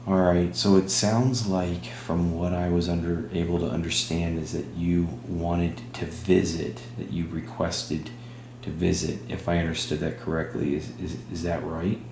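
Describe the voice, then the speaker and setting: A man hosting a spirit box session, speaking in halting short phrases and putting questions to a spirit. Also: deep voice, flat delivery, darkish tone. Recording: roomy echo with humming background noise.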